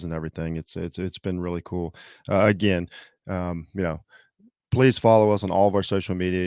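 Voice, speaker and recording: Gravelly man with a slight Southern accent. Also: low-pitched, a little mellow, dry recording, clean studio sound. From Southeastern Ohio. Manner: halting, many fillers and restarts. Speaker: podcast host. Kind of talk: casual solo sports talk.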